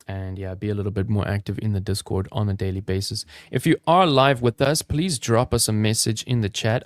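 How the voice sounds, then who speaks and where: An upbeat, chatty man from South Africa, his South African accent softened toward American, hosting a live trading stream and talking straight to his viewers. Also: on the low side, no echo, studio quality. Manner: upbeat, chatty, addresses chat viewers directly. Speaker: crypto trading livestream host. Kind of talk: casual live-stream commentary.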